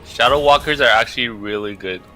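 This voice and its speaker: A man's voice: medium pitch, a little fast, bright, forceful tone, faint music behind. A man playing a strategy game and talking through his moves aloud in casual commentary. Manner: muttering his plans aloud as he plays. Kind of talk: casual let's-play commentary.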